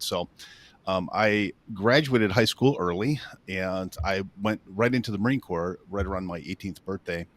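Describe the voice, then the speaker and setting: Low-voiced man in his fifties, joking. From northern Illinois, USA. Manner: self-deprecating, laughs at his own stories. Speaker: guest, real estate coach. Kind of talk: casual interview storytelling.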